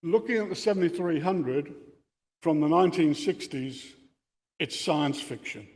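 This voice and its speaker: Radio enthusiasts gather in an indoor meeting room, equipment on a bench, for a technical lecture from an older man with an Australian accent, their amateur radio club speaker. His voice is fairly high and slightly mellow, with the room's reverberation audible.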